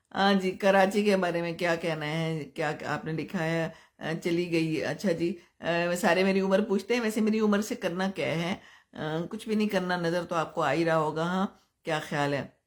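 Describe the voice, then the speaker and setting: An older woman from Pakistan, hosting a live stream and giving gentle advice while answering viewers' comments. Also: lowish voice. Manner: gentle, advising, chuckles often.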